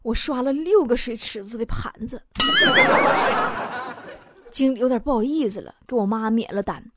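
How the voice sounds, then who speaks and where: A woman's voice: a little high, normal speed, heavy background noise. A young woman hosting a comic storytelling monologue in a wry, self-mocking, chatty way. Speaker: host.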